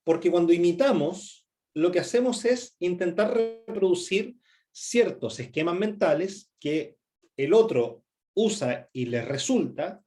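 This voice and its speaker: Middle-aged Chilean male instructor, slightly high voice, chatty workshop delivery, constant check-ins and fillers. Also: a little mellow. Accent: Chilean Spanish. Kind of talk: presentation skills workshop talk.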